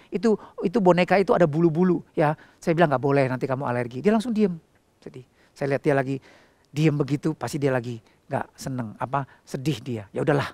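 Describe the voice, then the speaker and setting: Middle-aged male pastor, sermon storyteller, animated, dry close sound, voices his own dialogue. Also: no room sound. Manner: animated, swings between soft, low passages and loud, high outbursts.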